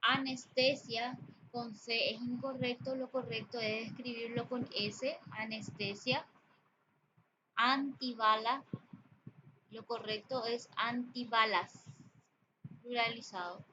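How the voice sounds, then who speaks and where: A woman teacher giving a spoken lesson on grammar and usage, explaining slowly with pauses and fillers. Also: fairly high pitch, steady tone, sharp tone. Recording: dull lo-fi audio with background noise.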